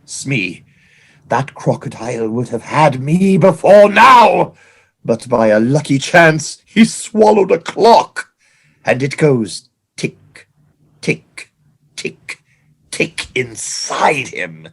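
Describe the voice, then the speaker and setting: An actor playing a vengeful, scheming pirate captain in an audio play, with a grandiose, drawn-out, melodramatic delivery. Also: male voice, medium pitch, very animated, vocal fry, slightly rough, full character voice. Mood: haunted dread.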